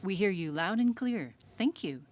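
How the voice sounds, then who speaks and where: A woman acting as a ground control radio operator, giving crisp, procedural callouts during a voice check over a radio communication link. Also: medium pitch, expressive, moderate pace, darkish tone. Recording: distant radio feed with noise.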